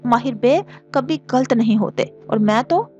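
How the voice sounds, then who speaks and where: A mischievous young man needles his friend with playful jokes, as a woman puts him on. His tone is light and teasing, with a fairly high edge to it. This is a storybook audio drama with faint music underneath. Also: animated, unhurried, a little mellow, highs cut off.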